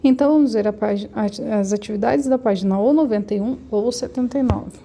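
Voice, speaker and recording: A woman's voice: fairly high pitch, fast, vocal fry, warm tone, slight background noise. A woman teacher, patiently explaining textbook exercises step by step for her young pupils in a remote class. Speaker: primary school teacher.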